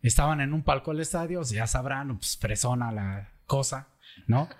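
A man's voice: mid-range voice, expressive, normal speed. A middle-aged man with a Mexican Michoacán accent, hosting a show and telling a personal story in a casual, joking, colloquial way. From La Piedad, Michoacán, Mexico. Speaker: podcast host.

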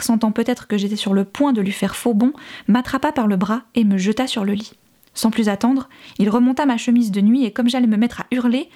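A woman narrating an audiobook in a soft, measured, hushed reading voice. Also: fairly high pitch. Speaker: audiobook reader. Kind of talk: scripted narration.

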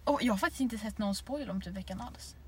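A woman's voice: mid-range voice, recorded from a distance, a crowd in the background. An eighteen-year-old woman from Sweden co-hosting a podcast in giggly, rambling casual chat. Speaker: podcast co-host.

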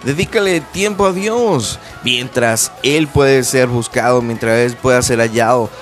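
A man's voice: medium pitch, a little slow, soft background music. A man preaching a radio sermon, earnestly urging his listeners in direct address.

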